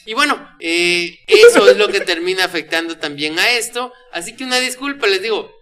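Mexican man, podcast co-host, candid rambling chat, high bright voice. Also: very animated, moderate pace, soft background music. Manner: candid, rambling, self-deprecating. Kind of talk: casual podcast talk.

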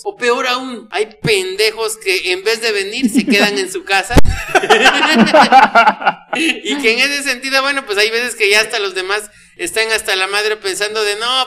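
A man's voice: high voice, a little slow, bright, forceful tone. A man with a Mexican accent co-hosting a podcast, talking candidly and self-deprecatingly in a rambling way. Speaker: podcast co-host. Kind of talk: casual podcast talk.

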